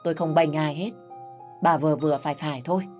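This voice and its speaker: Lady doing a stern old dad-in-law, firm and fair, low voice. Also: steady tone, fast, a little mellow, soft background music, lightly acted. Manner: firm, reproving. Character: stern older father-in-law, fair-minded.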